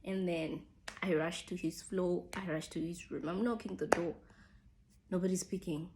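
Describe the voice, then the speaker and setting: A young woman vlogger with a lowish, steady voice tells viewers about her engagement at a moderate pace, with noise in the background. She's chatty and casual, packing in lots of "like" fillers and calling her audience "guys."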